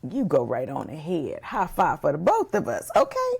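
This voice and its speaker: Low gravelly woman podcast host. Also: wildly swooping pitch, normal speed. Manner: emphatic, addresses listeners directly. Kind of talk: casual conversational podcast.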